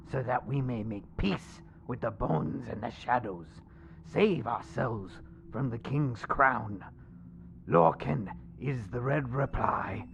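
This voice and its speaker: A man voicing a zealous kobold cult preacher in a tabletop game, creaky and solemn, preaching slowly and theatrically to his acolytes. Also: mid-range voice, fairly bright tone, dull audio, a little hiss or hum, exaggerated voice. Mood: fervent. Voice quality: creaky, gravelly. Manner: solemn, slow, theatrical sermon delivery. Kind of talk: in-character tabletop game monologue.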